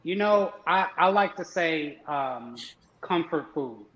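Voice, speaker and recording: A man talking casually as a guest on an online show, pausing often with ums and uhs. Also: a little high, animated. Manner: hesitant, many ums and uhs. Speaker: guest husband. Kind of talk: casual video-call chat. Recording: roomy, dull lo-fi sound.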